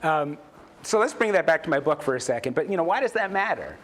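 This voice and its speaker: A man's voice: fairly high pitch, sing-song, fast, a bit bright. A man, a journalist and author, giving a casual conference talk on a stage, chatty and self-deprecating, with many fillers and restarts. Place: conference stage before an audience.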